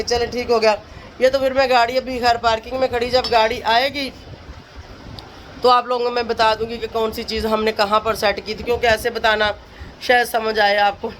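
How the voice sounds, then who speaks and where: A woman's voice: fairly high pitch, slight background noise. A woman from Pakistan, chatting to camera in a casual family vlog, tired, laughing often and calling out to relatives. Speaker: family vlogger.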